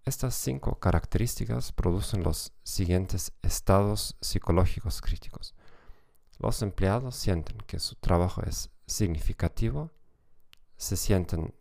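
Podcast lecturer, male, German accent, notably deep with heavy vocal fry, reading educational script carefully phrase by phrase. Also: unhurried, darkish tone. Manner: non-native, careful phrase-by-phrase delivery. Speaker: psychology podcast host and lecturer.

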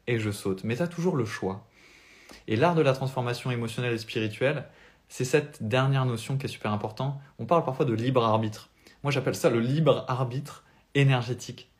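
A young French man with a French accent and a medium-pitched voice speaks as a spiritual life coach. On a live stream and without notes, he gives an earnest, motivational talk.

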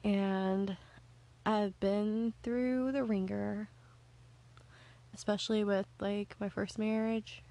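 A woman's voice: medium pitch, little pitch movement, slow, vocal fry, pauses often, dark tone. A woman in her thirties co-hosting a podcast, chatting in a giggly, confessional way. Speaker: podcast co-host. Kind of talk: casual chat.

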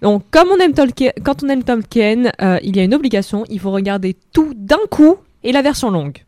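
A woman's voice: on the high side, animated, a little fast, dark tone, no echo. An eighteen-year-old woman hosting a film segment on the radio, chatting casually in a playful, joking way from a studio microphone. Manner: playful, lightly joking while listing films.

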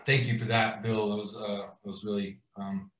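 A man's voice: lowish voice, level tone, moderate pace, fairly bright tone. Man in his thirties, roomy and distant. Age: 30s. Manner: rambling, many fillers and restarts. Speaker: guest host. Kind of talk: personal story on a live stream. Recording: roomy sound, away from the mic.

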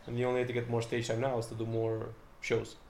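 Young British comedian, quick rambling chatter, restarts a lot. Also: male voice, mid-range voice, monotone, vocal fry, a little mellow. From Britain. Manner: rambling, fast, lots of fillers and restarts. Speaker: stand-up comedian. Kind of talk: casual chat.

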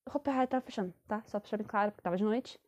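A woman's voice: medium pitch, rapid-fire, a little mellow. A young Brazilian woman, casually telling a rambling personal story and correcting herself as she goes. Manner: chatty, rambling, self-correcting. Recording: dull lo-fi sound.

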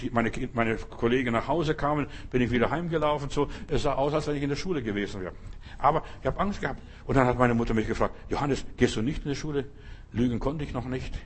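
A man preaching a sermon, telling a story and then urging listeners forcefully, often repeating himself. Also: medium pitch, slight background noise. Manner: storytelling, then forceful exhortation with bursts of emphasis; restarts and repeats words often, asks "verstehst du?".

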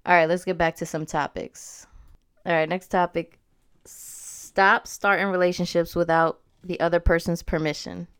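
Smooth-voiced matter-of-fact woman. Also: on the low side, level tone, moderate pace. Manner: matter-of-fact, steers the topics. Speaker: podcast co-host. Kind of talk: casual chat.

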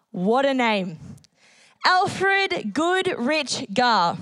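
A woman's voice: high-pitched, a bit bright, no room sound, low-quality recording. A woman preacher giving an earnest sermon at a church service, reading out a testimony and repeating key phrases for emphasis. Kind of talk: sermon with a read-aloud testimony.

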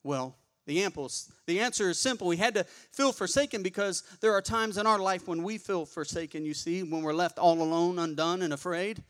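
High-voiced preacher man. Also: a little fast, hardly any pauses, smooth. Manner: call-and-response preaching, colloquial and animated. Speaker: pastor. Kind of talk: sermon.

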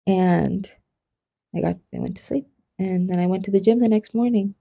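A woman co-hosting a podcast, talking softly and reflectively in casual chat about a hard personal time. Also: mid-range voice, normal speed, vocal fry, slightly rough. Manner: soft-spoken, emotional, reflective. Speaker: podcast co-host.

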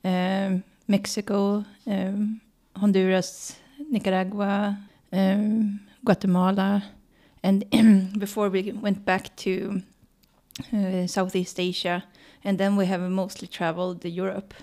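A woman in her thirties whose first language is Swedish, a guest in an interview, answering in a hesitant, halting way with repeated words. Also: mid-range voice, little pitch movement, dark tone.

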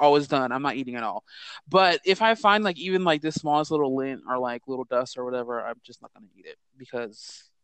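A man's voice: fairly high pitch, a bit bright, clear, resonant tone, no room sound. A man co-hosting a podcast, frank and profane, telling stories in casual chat. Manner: frank, storytelling, swearing. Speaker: podcast co-host.

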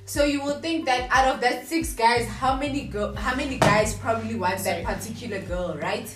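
A woman's voice: on the high side, moderate pace, a little hiss or hum. A woman on a casual panel discussion, explaining her point step by step and checking in with "right?". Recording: roomy studio with music bed.

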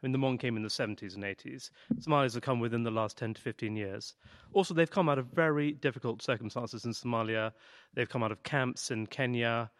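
A man with a mid-range voice explains things in a measured, reflective way and picks his words carefully. The recording is dry and close. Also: medium pitch, no room sound. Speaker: reporter. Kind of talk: studio discussion.

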